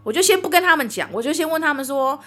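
A woman's voice: high-pitched, quick pace, faint music behind. A woman with a Taiwanese Mandarin accent, a podcast co-host telling a personal ghost story in casual chat and acting out what people said. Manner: animated, acts out quoted dialogue.

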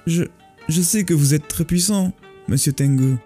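A man's voice: a little high, lively intonation, normal speed, dark tone, faint music behind, close to an everyday voice. A man doing a tearful, frightened rich old man. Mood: fearful, pleading. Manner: pleading, stammering.

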